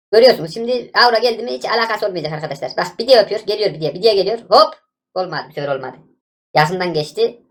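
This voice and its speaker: A woman giving live gameplay commentary as a gaming YouTuber, excitable and exasperated, shouting back at the game. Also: mid-range voice.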